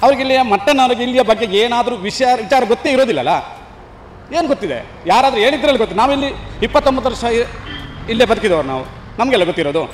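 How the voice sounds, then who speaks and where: A middle-aged man answers a street reporter outdoors. His voice sits high, and he speaks with emphatic indignation, hammering the same points again and again. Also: animated, quick pace, a little hiss or hum. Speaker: local worker interviewed on the street. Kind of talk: street interview. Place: outdoors near a temple town.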